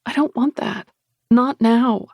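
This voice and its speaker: A male narrator voicing a young human woman, wary yet tender, in an audiobook with a breathy, soft and earnest delivery. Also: very high-pitched, slow, no room sound, studio quality, pitched above the performer's own voice, heavily acted. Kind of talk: audiobook character voice.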